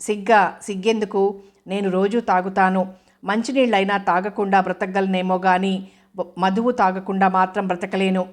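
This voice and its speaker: A woman's voice: medium pitch, steady tone, normal speed, lightly acted. Woman reading a drunk, slurring husband. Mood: drunk, defiant. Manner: slurred, thick speech.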